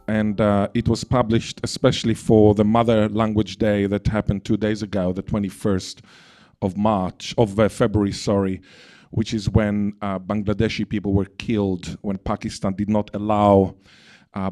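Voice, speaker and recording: A man's voice: lowish voice, a little mellow. A man moderating a conference panel, talking hesitantly with many fillers and self-corrections.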